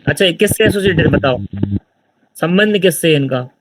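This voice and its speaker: Talking fairly quickly in a voice on the high side, a man runs a casual exam-prep literature lecture, walking through answers and checking on his audience. The mic is far away and background noise is loud.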